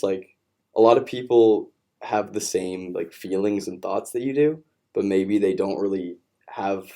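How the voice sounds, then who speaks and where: A young man, a college senior athlete, chatting casually on a podcast and rambling with fillers. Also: lowish voice. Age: young adult. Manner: relaxed, rambling with "um" and "like". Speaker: student-athlete.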